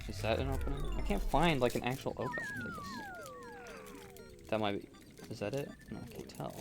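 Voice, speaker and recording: A man talks through a chill game session in a rambling, self-correcting way, close to his microphone. His voice has a gravelly, fry-edged texture, and his pitch swings about lively. Soft music sits faintly behind him. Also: fairly quick. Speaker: gameplay streamer. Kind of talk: relaxed gameplay commentary. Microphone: close desk microphone.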